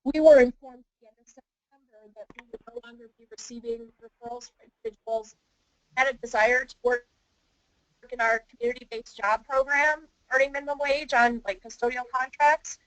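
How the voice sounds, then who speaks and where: A woman's voice: sits high, fairly even intonation, brisk, dry recording. Woman fading in and out on a call. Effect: fading in and out, too far from her computer's speaker and mic on a call. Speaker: service provider asking a question. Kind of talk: public meeting question. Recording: remote call audio, voice drifting away from the mic.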